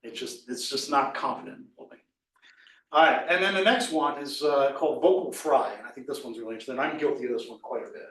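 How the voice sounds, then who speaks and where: A man's voice: medium pitch, fast talker, fairly bright tone. A man leading a workshop on presentation skills, talking casually and loosely with many fillers and restarts. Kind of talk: casual live workshop talk. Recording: echoey room from far off.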